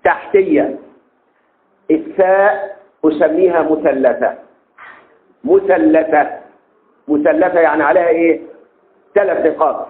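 A man with an Egyptian accent teaching a class, drawing out key terms slowly and constantly asking the students rhetorical questions. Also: a little high. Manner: slow and drawn-out on key terms. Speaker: teacher of Arabic text verification. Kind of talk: classroom lecture. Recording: echoey room over a tinny phone-like line.

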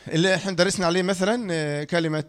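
A man's voice: high voice, fairly even intonation, racing. A man with an Egyptian accent teaching reading rules in a lecture, repeating key phrases and quizzing his listeners. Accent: Egyptian Arabic.

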